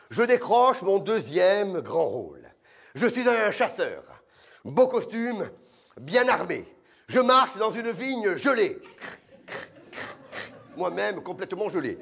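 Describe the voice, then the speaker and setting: A man's voice: high voice, creaky, a bit bright. A man from Corsica telling playful, self-mocking stories in an autobiographical one-man comedy show.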